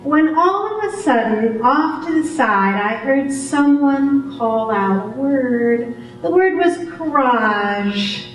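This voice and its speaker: Older lady storyteller, slow and lively, kinda high voice, sounds far off in a big echoey hall. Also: soft background music. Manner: unhurried, expressive delivery with amused laughter. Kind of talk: live first-person storytelling.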